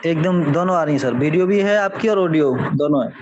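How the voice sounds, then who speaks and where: Polite high-voiced man on a dull video call. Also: a little fast. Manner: polite, addresses the host as sir. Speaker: meeting participant.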